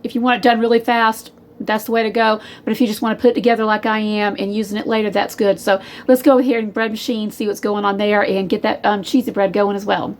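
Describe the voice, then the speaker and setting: A woman hosts a casual cooking video from her home kitchen, rambling chattily and calling her viewers "y'all." Her mid-range voice is flat in delivery and she talks fast.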